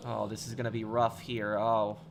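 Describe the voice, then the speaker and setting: A man casually commentating on a game he is livestreaming and chatting with viewers, halting and repeating words as he goes. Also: on the low side, level tone, vocal fry, faint music behind. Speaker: livestreamer playing a video game. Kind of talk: casual game stream commentary, reading and answering chat.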